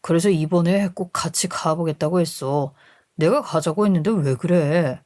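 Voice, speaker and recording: A woman's voice: lowish voice, moderate pace, a little mellow, dry recording, clean studio sound, close to an everyday voice. A woman voicing a young husband who defends his wife against his mother in a radio story. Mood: pleading. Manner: pleading then indignant.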